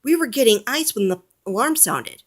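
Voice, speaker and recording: A woman's voice: fairly high pitch, lively intonation, moderate pace, voice pushed up. Woman doing a sorry young firefighter. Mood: apologetic. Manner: apologetic. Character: apologetic young male firefighter, toy storybook.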